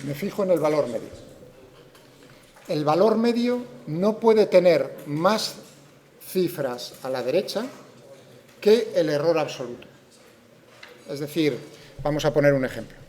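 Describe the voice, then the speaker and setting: A man with a Spain Spanish accent lectures a physics class in a slightly high, mellow voice. He raises the objections students might have, answers them, and keeps asking whether everyone follows. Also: animated, unhurried, pauses often, slight background noise. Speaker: physics teacher.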